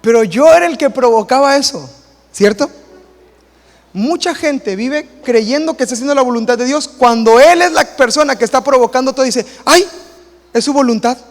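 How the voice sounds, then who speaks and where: High-pitched pastor preaching in a hall. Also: male voice, moderate pace. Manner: animated, acts out quoted voices and stories. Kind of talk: sermon. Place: church hall.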